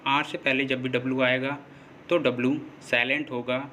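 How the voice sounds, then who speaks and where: A man teaching a lesson, slowly and patiently explaining rules and repeating them. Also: medium pitch, level tone, bright, forceful tone, a little hiss or hum. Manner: slow, repetitive, patient explaining. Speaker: English teacher.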